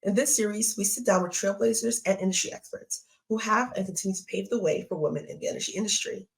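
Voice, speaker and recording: A woman's voice: medium pitch, fast, gravelly, rough recording. A woman hosting an interview series, reading a polished introduction and asking questions. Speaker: host.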